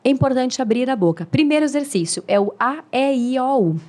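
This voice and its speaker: A woman's voice: sits high, animated, brisk, a little mellow. A woman, a speaking mentor explaining tips in a friendly, teaching way as a podcast guest. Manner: didactic, demonstrative, friendly.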